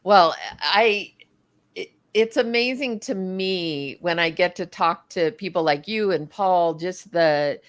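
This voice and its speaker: A woman's voice: on the low side, slow, no echo, clean studio sound. A woman hosting an online talk show, chatty and effusive, with many ums. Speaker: host.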